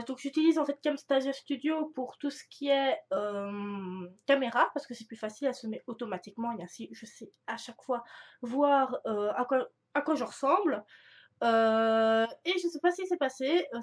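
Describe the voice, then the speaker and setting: Chatty high-voiced young woman gamer. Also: normal speed. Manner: chatty, rambling with many fillers and restarts. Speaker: gaming youtuber. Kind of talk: casual let's-play commentary.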